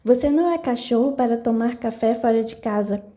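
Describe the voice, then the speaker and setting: A woman's voice: a little high, fairly quick, warm tone, lightly acted. A woman voicing a blunt, curt old female cook on a farm in an audiobook.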